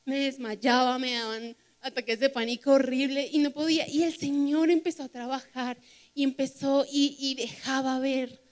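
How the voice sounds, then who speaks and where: A woman's voice: sits high, darkish tone. A woman preaching a sermon from a church stage, earnest and emphatic as she shares a personal testimony. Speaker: youth preacher.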